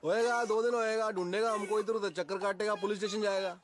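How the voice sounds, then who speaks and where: A man's voice: high voice, steady tone, fast talker, natural voice. A man playing a brash, cheeky young driver. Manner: cocky, joking, boastful. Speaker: driver eloping with his employer's daughter. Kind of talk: Hindi film acting. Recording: film audio with background score.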